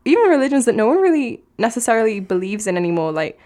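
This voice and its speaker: A young woman in casual podcast chat as a guest, animated, swearing freely and laughing often. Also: a little high, fast talker.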